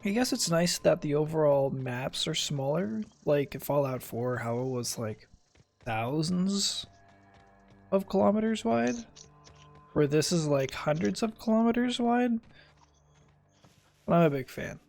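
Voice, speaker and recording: A male gaming streamer gives casual, playful, rambling commentary on his gameplay, with music in the background. His voice is a little high, a little mellow and animated, with vocal fry. He speaks slightly slowly and pauses often.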